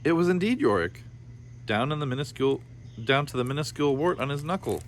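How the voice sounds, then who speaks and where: Here a man with a mid-range, expressive voice reads a children's story quickly and playfully, slipping in casual asides. Background noise can be heard clearly in the recording.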